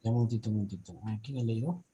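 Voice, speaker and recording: A man's voice: fairly low pitch, racing, mellow, husky, muffled recording. A male teacher on a video call, going through his students' reading mistakes point by point. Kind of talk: online reading class feedback.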